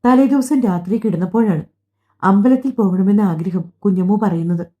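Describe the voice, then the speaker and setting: Female audiobook narrator: calm, steady, very mellow tone, on a slightly muffled recording. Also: medium pitch, moderate pace. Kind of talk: scripted story narration. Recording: dull lo-fi recording.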